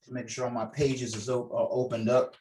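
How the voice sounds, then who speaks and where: Organising a table read, a man chats and explains things informally and colloquially on a video call, in casual meeting talk. His medium-pitched voice is level, a little fast and darkish, picked up by a video call mic with slight background noise.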